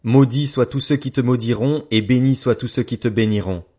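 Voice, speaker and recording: A man reading the part of an old blind father, grave and measured. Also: mid-range voice, warm tone, husky, voice pushed up, natural voice. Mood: solemn.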